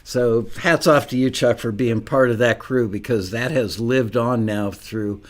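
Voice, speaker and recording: A man's voice: mid-range voice, unhurried. A middle-aged American man casually hosting a live online show, unscripted and chatty, rambling into asides.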